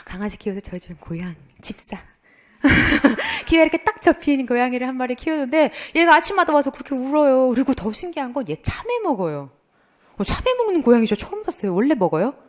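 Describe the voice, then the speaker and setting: A woman's voice: high voice, quick pace. A middle-aged woman lecturing for an exam prep course, quizzing students and then answering her own questions in a playful way. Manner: lively, asks students questions and answers them herself; playful, imitates sounds and tells funny anecdotes. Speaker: Korean language lecturer.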